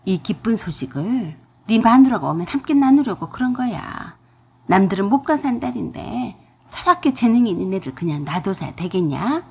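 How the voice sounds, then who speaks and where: A woman's voice: medium pitch, sing-song, moderate pace, vocal fry, slightly rough, exaggerated voice. A woman voicing a pushy, scheming older mother-in-law who scolds and demands, in a storybook radio drama. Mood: wheedling.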